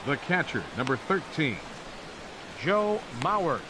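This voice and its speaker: A man voicing a ceremonious male stadium announcer, calling out players over a PA system in slow, drawn-out introductions that stretch each name. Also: a little high, very animated, background noise. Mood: announcing. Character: adult male ballpark announcer, measured and ceremonious. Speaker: stadium public address announcer.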